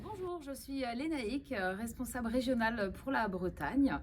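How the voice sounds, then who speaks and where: A woman in her forties, a regional manager, recounting her career in measured steps. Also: on the high side, expressive, background noise. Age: 40s. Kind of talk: corporate job interview testimony.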